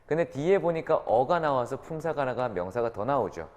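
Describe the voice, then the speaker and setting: Brisk and lively in intonation, a man with a medium-pitched, slightly mellow voice teaches students English grammar. He often checks in with quick tag questions, and the lecture room is reverberant.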